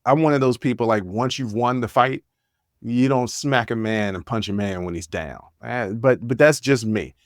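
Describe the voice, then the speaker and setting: In his forties, this Washington, D.C. podcast host talks at a normal speed in a mid-range voice, rambling candidly and laid-back with lots of fillers and restarts. It's a casual solo monologue, captured as a dry, clean studio recording.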